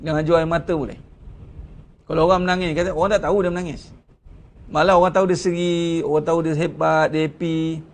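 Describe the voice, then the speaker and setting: A man's voice: on the high side, flat delivery, fast. A man with a Malaysian Malay accent giving a Ramadan religious lecture, preaching conversationally with rhetorical questions. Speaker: religious teacher.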